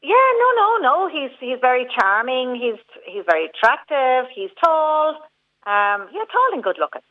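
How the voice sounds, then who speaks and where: A woman's voice: high voice, sing-song, moderate pace. A woman guest speaking over the phone on a radio show, chatty and hesitant, with frequent restarts. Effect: heard over the phone. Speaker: phone-in guest, venue manager. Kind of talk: casual radio phone interview. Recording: tinny phone line.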